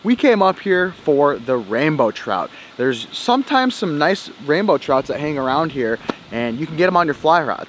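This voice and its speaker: Standing in a parking lot near a river trail, a man in his thirties with a slightly high voice films his fishing vlog on a handheld camera at arm's length. He is upbeat and casual, calls his audience guys, and there's slight background noise.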